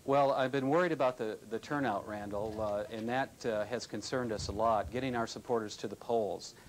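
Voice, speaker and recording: A man, a mayor, answering a live news interview with many pauses and fillers. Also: on the low side, slight background noise, rough recording.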